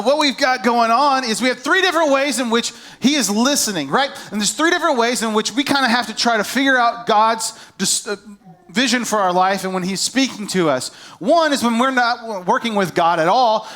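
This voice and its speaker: A male pastor preaching at a church service, energetic and playful, directing the congregation during an object lesson while wearing a microphone. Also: very high voice. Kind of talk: sermon with a live object lesson.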